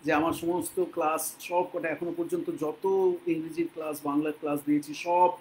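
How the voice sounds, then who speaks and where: A man from Bengal teaching English to learners, speaking patiently and repeating words slowly so they can copy them. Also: a little high, level tone, darkish tone, a little hiss or hum, poor audio. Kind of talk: spoken English lesson in Bengali.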